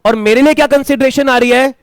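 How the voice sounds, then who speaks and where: High-voiced male teacher, questioning. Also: steady tone, quick pace, clean tone, dry recording, studio quality. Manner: questioning, drills students with repeated questions; mixes Hindi with English terms. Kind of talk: classroom lecture. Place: classroom.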